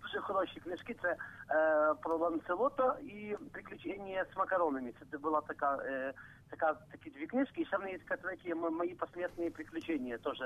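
Male caller from Ukraine, gravelly, quick and lively, hesitant, heard over a tinny phone line. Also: fairly high pitch. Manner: hesitant, restarts often. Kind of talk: phone-in question to a radio show. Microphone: telephone.

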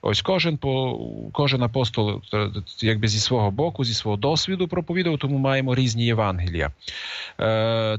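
A man lectures without a script, stopping often to fill gaps with hesitant sounds and restart his sentences. His voice sits at an ordinary middle pitch. The recording is dull and lo-fi, with a dry sound and no room echo. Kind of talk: unscripted lecture.

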